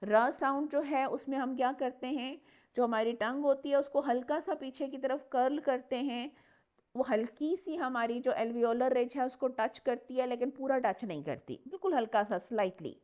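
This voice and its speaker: A woman's voice: sits high, normal speed, a little mellow. A woman teacher, giving a patient step-by-step lecture on English consonants and repeating example words. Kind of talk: classroom lecture mixing Hindi and English. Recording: muffled lo-fi recording.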